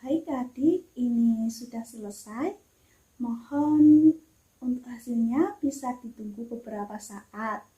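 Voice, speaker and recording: A courteous X-ray nurse played by a woman in a scripted role-play, with customer-service politeness. The voice is very mellow and the delivery unhurried. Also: on the high side, low-quality recording. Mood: polite, calm. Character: polite female X-ray nurse instructing young patient.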